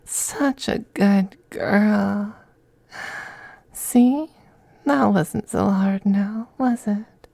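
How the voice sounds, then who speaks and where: Heavily acted and smug, approving in mood, a man whispers breathily as a possessive, teasing femboy vampire in ASMR roleplay, his tenderness coaxing and condescending. His high-pitched voice is gravelly and very slow with long pauses, and there's no room sound.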